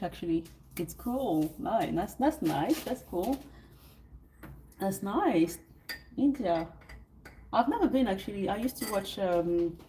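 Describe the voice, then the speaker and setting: Sounding sleepy, a woman from France chats casually with livestream viewers from indoors in a hotel suite, her French-accented talk meandering and full of hesitations, fillers and restarts. Her voice is lowish and mellow, and the rough recording carries a little hiss or hum.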